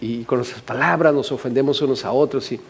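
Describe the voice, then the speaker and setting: A man from Mexico with a Mexican accent, a pastor preaching a humorous, animated sermon full of questions to the congregation. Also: medium pitch, fast, gravelly, husky. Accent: Mexican Spanish.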